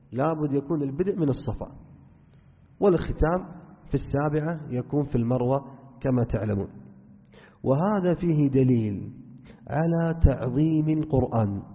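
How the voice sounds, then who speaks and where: A man teaching a religious lesson as a sheikh, earnest and instructive, speaking straight to his listeners. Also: on the high side. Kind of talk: religious lesson, explaining to students. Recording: phone-like band, long hall reverb.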